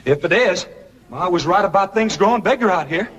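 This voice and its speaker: An actor playing a naive, earnest young country nephew in a 1960s TV sitcom, rambling eagerly with a rural Southern accent. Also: male voice, high-pitched, lively intonation, brisk, a bit bright, breathy edge, long reverb tail, full character voice. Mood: excited, earnest. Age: young adult. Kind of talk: 1960s television sitcom acting. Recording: noisy old TV soundtrack.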